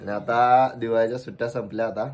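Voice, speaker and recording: A man's voice: lowish voice, level tone, fast, a little mellow. Chatty young man. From Kolhapur region, India. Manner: chatty, teasing and coaxing. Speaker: vlogger. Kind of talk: casual vlog talk to camera. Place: at home, then outdoors on the road.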